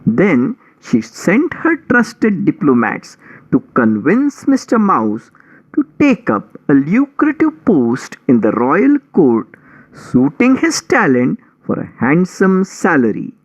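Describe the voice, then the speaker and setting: A man narrates a scripted story in a theatrical way. His voice sits a little high and swings widely up and down as he takes his time over each phrase. The recording sounds slightly dull. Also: wildly swooping pitch, takes it slowly. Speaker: audiobook storyteller.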